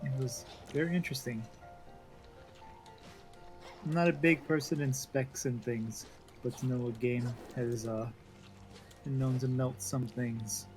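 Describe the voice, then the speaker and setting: A man's voice: mid-range voice, fairly even intonation, a little slow, long pauses, darkish tone. A man with a mid-range voice trades teasing, easygoing banter on a game stream. Faint music sits underneath. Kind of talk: casual gaming chat.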